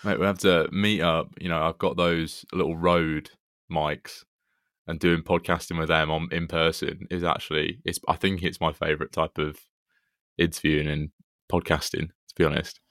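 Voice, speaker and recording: A man's voice: very deep voice, flat delivery, moderate pace, fairly bright tone, dry recording, clean studio sound. A man chatting casually as he hosts a podcast interview.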